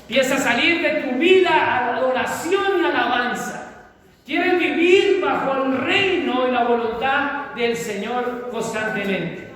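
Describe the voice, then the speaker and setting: High-voiced man preaching slowly. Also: a bit bright. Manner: fervent preaching, drawn-out emphatic phrases. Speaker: pastor. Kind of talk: sermon. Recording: echoey hall from far off.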